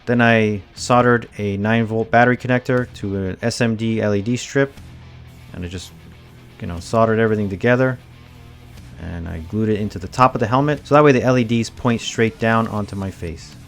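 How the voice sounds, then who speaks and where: A man in his thirties, a cosplay prop maker, talks through his build steps in a relaxed, plain way in a casual tutorial voice-over. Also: fairly low pitch, fairly quick, soft background music. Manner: relaxed, plain step-by-step explaining. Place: home workshop, indoors.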